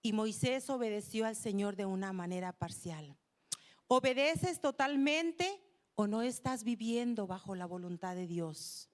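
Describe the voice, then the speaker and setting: A woman's voice: medium pitch, expressive, a little slow. A woman preaching a sermon to a congregation in a conversational way, often turning to them with questions. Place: church.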